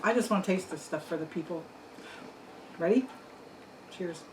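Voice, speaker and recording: A woman's voice: on the low side, normal speed, distant mic. A woman hosting a casual home cooking vlog, chatting to viewers about the food she made. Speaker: cooking channel host. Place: home kitchen and dining table. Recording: echoey room with clear background noise.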